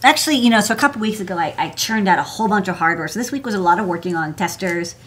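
Rapid-fire and expressive, this American woman's medium-pitched voice carries a fairly bright tone. She's an electronics engineer in her thirties or forties, chattily hosting a casual live hardware show-and-tell at an indoor desk, full of "like" and "you know".

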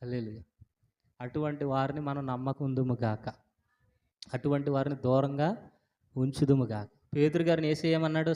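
A man with an Andhra Telugu accent preaching a sermon as pastor. He questions the congregation, prompts their answers and rises to fervent declarations. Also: a little high. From Andhra Pradesh, India. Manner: rising to fervent shouted declarations. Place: church hall. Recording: church hall with long reverb.

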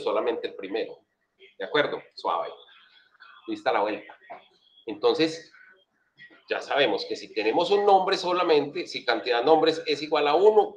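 A man's voice: mid-range voice, dull audio, slight background noise. A man with a Colombian accent giving a casual, chatty programming lesson, walking through his code with plenty of slang and repeated check-in questions to his students. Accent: Colombian Spanish. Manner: chatty, slangy, asks "right?" often. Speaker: programming instructor. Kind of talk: casual screen-share coding lesson.

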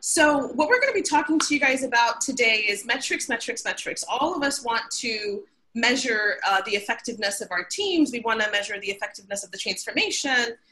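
A woman's voice: fairly high pitch, lively intonation, fairly quick, hardly any pauses, bright, forceful tone, low-quality recording. A woman from Sudan hosting a webinar over a video call, upbeat and peppered with filler ums. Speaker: webinar host. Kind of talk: webinar presentation. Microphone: webcam on video call.

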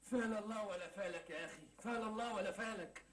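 A man plays a sulky young Egyptian man in a TV sitcom, broke, lovesick and full of self-pity. He grumbles in a fairly high voice, and the words come tumbling out very fast. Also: close to an everyday voice. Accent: Egyptian Arabic. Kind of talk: 1980s Egyptian TV sitcom acting.

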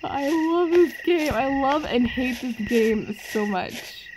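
Excitable, giggly woman doing casual game commentary, a bit high-pitched, over constant background hiss. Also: slow pace. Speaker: mobile game player.

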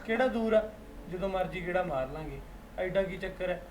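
An actor playing a grown son who calmly reassures his mother, with a Punjabi accent. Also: high voice, fairly quick. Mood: reassuring. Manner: reassuring, easygoing. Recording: loud background noise.

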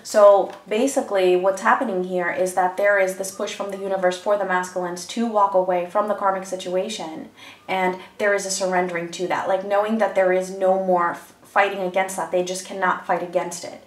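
Sitting at a table in an echoey room, a woman with a stuffy cold gives a chatty, rambling tarot reading to camera, full of ums. Her mid-range voice stays fairly flat in pitch and moves a little quickly. The mic is set back, so she sounds distant.

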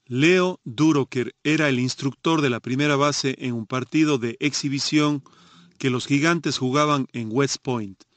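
A man narrating a nonfiction audiobook in a measured, steady reading. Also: mid-range voice, no room sound.

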